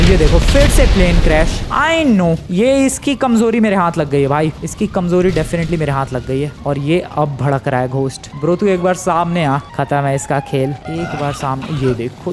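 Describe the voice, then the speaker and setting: An excitable young man talks through a spooky video game in a fairly high voice. He chats casually, then yelps and climbs even higher when something startles him. Faint game music plays underneath. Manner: excitable, yelps and rises sharply when scared. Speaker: gaming YouTuber. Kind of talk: casual gameplay commentary.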